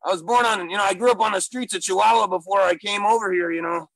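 A man voicing a gruff, silly male gorilla who wants to be a stand-up comic, talking in broken English with loud bursts. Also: high voice, fast talker, no echo, exaggerated voice, poor audio. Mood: boastful. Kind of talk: improvised comedy character interview.

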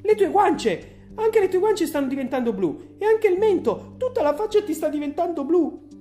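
A woman's voice: very animated, moderate pace, warm tone, soft background music. A shrieking frantic mother. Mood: panicked. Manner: screeching, panicked, very high. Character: shrieking frantic mother, middle-aged woman.

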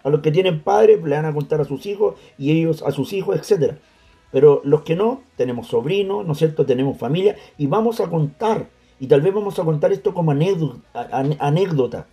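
Dark gravelly man preaching on radio. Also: a little high, animated, brisk, faint music behind. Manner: preachy, emphatic, addresses listeners. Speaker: radio host.

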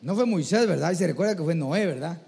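Animated man preaching. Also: on the high side, fast talker, vocal fry. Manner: animated storytelling, often addressing listeners as brother. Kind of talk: sermon. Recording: long hall reverb.

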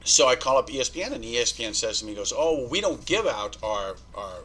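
Bright-voiced man telling a profane story. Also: mid-range voice, a little fast, a little hiss or hum, low-quality recording. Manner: animated, profane, acts out quoted dialogue. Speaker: podcast guest. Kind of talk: casual storytelling.

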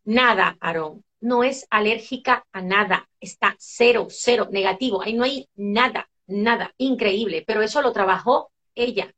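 A middle-aged woman from Venezuela with a Venezuelan accent, telling family stories as a guest in a casual interview, lively and full of fillers and restarts. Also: mid-range voice, moderate pace, hardly any pauses. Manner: animated storyteller, many fillers and restarts.

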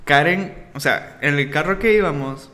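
A young man in casual chat, telling a story in a lively, slangy way and acting out quotes. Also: fairly high pitch, normal speed, heavy background noise. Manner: animated, slangy, acts out quotes with laughter. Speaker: co-host. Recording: echoey room with faint ambience.

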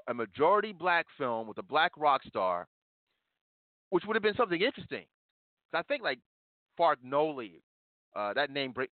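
A man's voice: a little high, no room sound. A man giving impassioned, rambling podcast commentary with frequent restarts, heard over a call-in phone line. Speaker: podcast co-host. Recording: tinny phone-line sound, dry.

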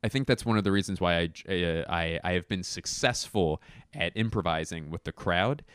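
This young man has a deep, smooth, resonant voice, captured in a close, dry recording with no echo and a fairly bright tone. He wanders through casual conversation, tossing in quick asides and restarting sentences. He pokes fun at himself while still sounding confident.

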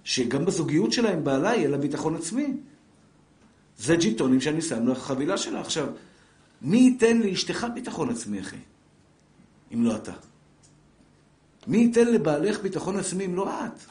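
Middle-aged guy giving a live class, jokey, talks right at the crowd, kinda high voice, echoey room. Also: long pauses. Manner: lively, jokey, talks straight to listeners and acts out family scenes. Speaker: Torah teacher. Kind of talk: live Torah lesson to an audience.

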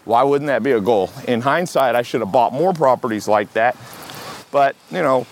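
An American man hosting a podcast in casual solo talk while walking briskly outside. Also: medium pitch. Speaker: podcast host. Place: outdoors in a city park, on the move. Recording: outdoor city noise, traffic hum. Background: street and outdoor city ambience with vehicles.

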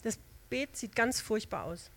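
A woman's voice: on the high side, sing-song, a little slow, fairly bright tone, no room sound. A woman preaching an informal sermon in a conversational, homely way, drawing on everyday examples and often hesitating and restarting. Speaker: lay preacher.

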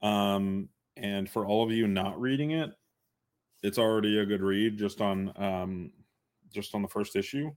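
A man's voice: fairly low pitch, steady tone, unhurried, a little mellow. A man co-hosting a casual podcast, talking in a laid-back, hesitant way with many fillers and dry humor. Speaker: podcast co-host covering comics. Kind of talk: casual chat.

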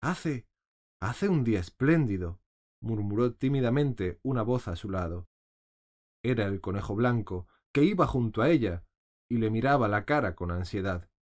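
Expressive male audiobook narrator. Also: fairly low pitch, normal speed. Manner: expressive reading. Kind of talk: scripted storybook narration.

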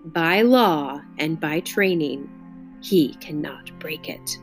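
A woman doing a quiet, wise alien creature. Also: low-pitched, lively intonation, takes it slowly, faint music behind, voice pushed down, full character voice. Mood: hushed. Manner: quiet, explanatory.

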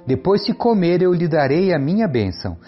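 A man reading the lines of an aged blind father giving a solemn, measured blessing, in a lively, fairly high voice over faint music. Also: highs cut off.

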